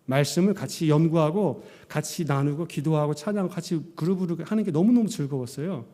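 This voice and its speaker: Man, pastor, sermon, mellow tone, animated storytelling, echoing church. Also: on the high side, a little fast. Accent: Korean. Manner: animated storytelling, acting out his own past words. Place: church sanctuary.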